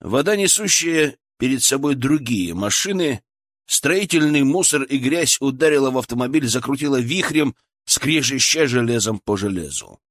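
Casting: male audiobook narrator, measured and dramatic, dry close sound. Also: medium pitch, lively intonation, fairly bright tone, dry recording. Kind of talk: scripted narration.

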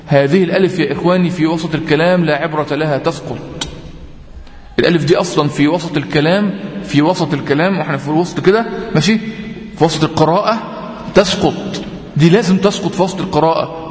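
An Egyptian man teaches a tajweed lesson in a high, clear voice. He explains patiently, repeats his points and stretches out example words slowly. The sound rings in a roomy space with a long, trailing reverb. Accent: Egyptian Arabic. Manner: patient, repetitive explaining, drawn-out example readings. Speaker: Quran recitation teacher. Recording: echoey room with long reverb.

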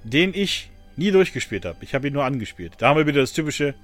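A man's voice: a little high, very animated, fast talker, faint music behind. A man hosting a casual podcast, talking loosely with many fillers and restarts and laughing often. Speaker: podcast host.

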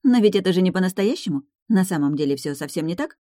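A woman voicing a fiery, quick-tempered young firebird maiden in an audiobook reading, with shrill scolding outbursts. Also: expressive, mellow, no room sound, clean studio sound, natural voice. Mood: teasing.

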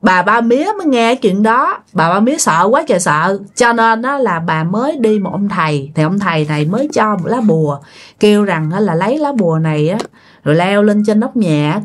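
A woman with a Southern Vietnamese accent telling a ghost story in a chatty, casual way, talking directly to her listeners. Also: mid-range voice.

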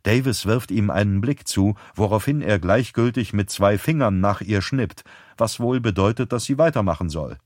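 A man narrating an audiobook in an even, measured reading. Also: on the low side, no echo, studio quality. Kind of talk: scripted narration.

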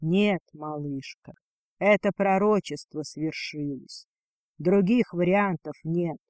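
Rich: A strong male dragon husband with a low, husky murmur, as a woman narrator voices him. His words come slow and breathy in a dry, close recording. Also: darkish tone, no room sound. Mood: tender.

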